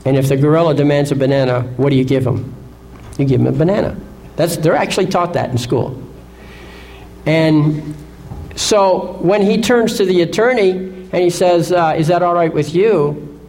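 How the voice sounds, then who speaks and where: A man's voice: a little high, moderate pace, creaky, a little mellow, slight background noise, low-quality recording. A man lecturing an audience in an assertive way, often asking rhetorical questions and checking in with "Okay?". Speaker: seminar speaker.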